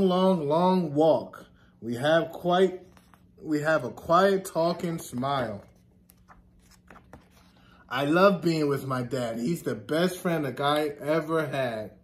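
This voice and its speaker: Indoors in a classroom, a man teacher with a high voice reads a children's picture book aloud to kids. He goes slowly, in a deliberate sing-song manner, stressing the repeated words.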